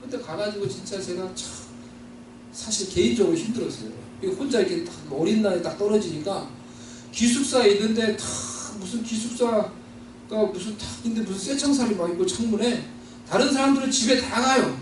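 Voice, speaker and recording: High-voiced man preaching in an echoey hall. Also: a little fast, a little hiss or hum. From Seoul, South Korea. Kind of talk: sermon testimony. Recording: distant mic in echoey hall.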